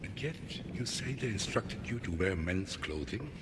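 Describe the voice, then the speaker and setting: Grave low-voiced inquisitor, played by a man, long reverb. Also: lively intonation, heavy background noise, close to an everyday voice. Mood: solemn, questioning. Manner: measured, formal, insinuating. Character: grave, calculating male inquisitor of the medieval church. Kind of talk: film drama acting.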